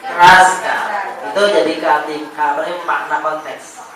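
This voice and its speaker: A man's voice: on the high side, steady tone, moderate pace, crowd noise. A man teaches adult students in a classroom, quizzing them and voicing Arabic words with force. He sounds distant from the microphone in a very echoey room, with the class audible around him. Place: classroom or hall with an audience.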